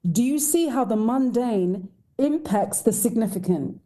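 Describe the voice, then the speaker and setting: A woman's voice: a little high, expressive, measured pace, dark tone. A woman voice coach, a podcast guest, speaking emphatically with rhetorical questions. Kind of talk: podcast interview.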